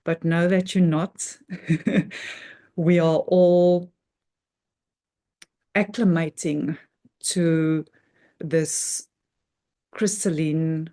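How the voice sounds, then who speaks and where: A woman with a low, dark voice guides listeners through a meditation. She talks unscripted about spiritual matters, earnest and reverent, pausing in a measured way between short, halting phrases.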